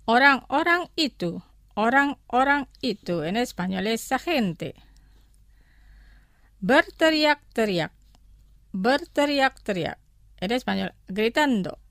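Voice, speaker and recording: A woman teaching a language lesson, speaking slowly and deliberately, repeating each word twice for listeners. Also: a little high, sing-song, fairly bright tone, no echo, clean studio sound.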